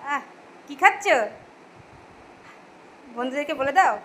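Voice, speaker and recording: A woman's voice: high voice, animated, slow, a bit bright, a little hiss or hum. A young woman coaxing a small child in sing-song baby talk, repeating her words over and over. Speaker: caretaker feeding a small child. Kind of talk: casual home video chat.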